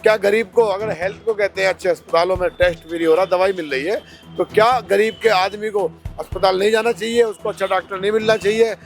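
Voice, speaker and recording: High-voiced man arguing politics. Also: steady tone, quick pace, faint music behind. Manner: argumentative, rhetorical questions. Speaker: politician, candidate. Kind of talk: interview answers.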